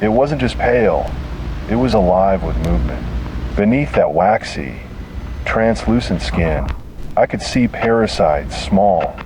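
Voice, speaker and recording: Delivering a scripted horror tale in the first person, a man speaks low and deep, with dramatic, clipped, deliberate phrasing. Clear rumbling noise sits in the background throughout.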